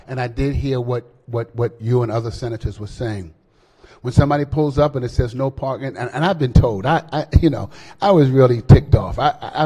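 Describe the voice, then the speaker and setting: A man speaking as senate floor leader, explaining a bill in a halting floor speech with many fillers and restarts. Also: mid-range voice, mellow, slightly rough. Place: legislative chamber. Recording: long hall reverb.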